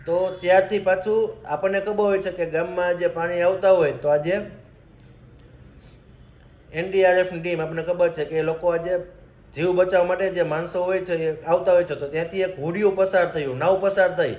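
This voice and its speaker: A man tells a moral story in a plain, conversational manner, speaking now and then directly to his listeners. His voice sits high, and the recording sounds roomy and a little dull. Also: steady tone, normal speed. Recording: echoey room, slightly dull sound.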